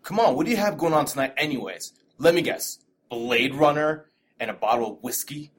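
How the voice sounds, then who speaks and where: A man's voice: on the high side, animated, fairly quick, lightly acted. A young man playing a pushy, pleading college frat guy in an audio story, talking in casual slang. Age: young adult. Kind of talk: audio drama acting.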